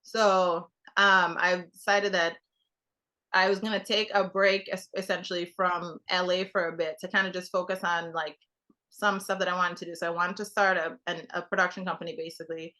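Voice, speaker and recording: Young woman from trinidad, tv producer just chatting, bright voice, lots of likes and um's. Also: fairly low pitch, little pitch movement, moderate pace. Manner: rambling, many fillers and restarts. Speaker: television producer, guest. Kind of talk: casual conversation.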